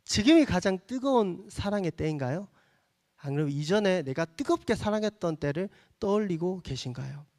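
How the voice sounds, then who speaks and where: A man's voice: high-pitched, lively intonation, moderate pace, darkish tone. A male pastor preaching a sermon to young adults, earnest, acting out little asides as he explains the passage.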